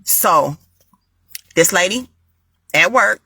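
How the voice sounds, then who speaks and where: A woman giving a casual spoken faith testimony to viewers, animated and repeating her phrases for emphasis. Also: fairly low pitch, drawn-out words, gravelly, breathy edge, dry recording, studio quality. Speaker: vlogger sharing a faith testimony.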